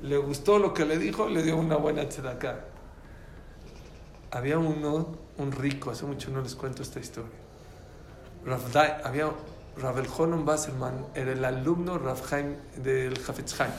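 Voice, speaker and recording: A man's voice: medium pitch, normal speed, echoey room, slight background noise. A man with a Mexican Spanish accent teaching a religious class, telling stories and quizzing his listeners. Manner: animated, quizzes the audience.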